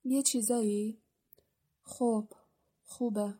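A woman voicing a sad, solemn male centaur who speaks quietly, slowly and cryptically, sighing, in an audiobook. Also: on the high side, lightly acted. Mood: sorrowful. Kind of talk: audiobook character voice.

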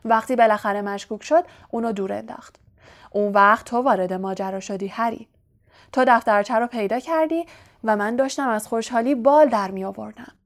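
A woman voicing a scheming young male wizard in an audiobook, speaking in a soft, silky, menacing way. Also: fairly high pitch, lightly acted. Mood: gloating. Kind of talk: audiobook character voice.

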